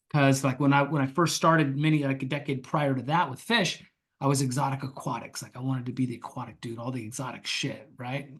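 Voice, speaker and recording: A man tells a story in a casual podcast interview, swearing freely and acting out the people he quotes. His telling is lively and loose, with plenty of asides. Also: mid-range voice, brisk, husky. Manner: animated storyteller who acts out quoted voices, swears freely. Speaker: guest, pond construction company founder.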